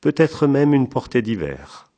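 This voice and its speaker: A man's voice: mid-range voice, sing-song, measured pace, mellow, pitched above the performer's own voice. A man voicing matter-of-fact rural police officers in a plain, businesslike way.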